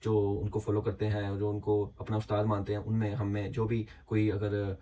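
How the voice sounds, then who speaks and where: A man's voice: fairly low pitch, completely flat delivery, normal speed, dark tone. A man giving heated reaction commentary, indignant and repetitive, with many fillers. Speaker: YouTube commentator.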